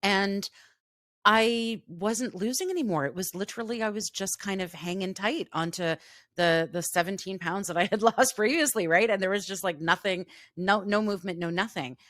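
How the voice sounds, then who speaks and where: A woman co-hosts a casual podcast, chatting openly and piling on fillers and restarts. Her voice is medium-pitched, at normal speed and fairly bright, recorded in studio quality with no echo.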